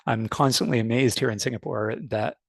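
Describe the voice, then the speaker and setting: This Canadian-born, U.S.-raised man in his forties presents a fintech webinar over an online call, speaking conversationally with lots of fillers and false starts in a North American accent. His voice is medium-pitched and creaky, with fairly even intonation and a slightly fast pace. No room sound comes through.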